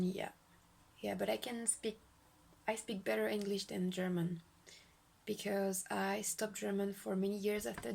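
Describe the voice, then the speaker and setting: Young woman from France, slow, gravelly fry, hesitant and casual. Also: mid-range voice, darkish tone. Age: 20s. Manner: hesitant, many fillers. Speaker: interviewee. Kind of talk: casual chat.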